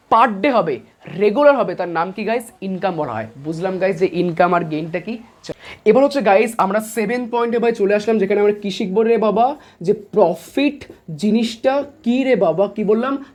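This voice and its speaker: Chatty teacher, quizzing and repeating. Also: male voice, high voice. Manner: repeats each point with quiz questions and answers them himself; casual, chatty, calls students guys and brother. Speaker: commerce teacher. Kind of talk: online lesson.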